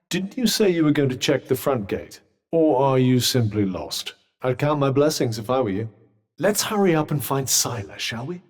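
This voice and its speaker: An actor with a British accent voicing an urbane, dry-witted, sardonic magic cuff in a video game, speaking in a formal, articulate way. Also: male voice, mid-range voice, a little mellow, natural voice. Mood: dry sarcasm. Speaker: video game companion character. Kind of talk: scripted game dialogue.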